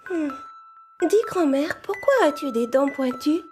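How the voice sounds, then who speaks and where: A woman's voice: high voice, animated, unhurried, over music. A woman voicing a polite, innocent little girl in a children's fairy tale cartoon. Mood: puzzled.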